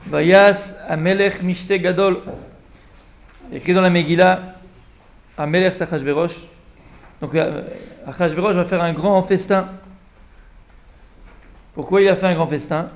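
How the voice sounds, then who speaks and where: A man, a rabbi, giving a lively Purim Torah class and acting out the king's pleading for a small audience. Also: sits high, measured pace, long pauses. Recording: echoey room, faint background hum.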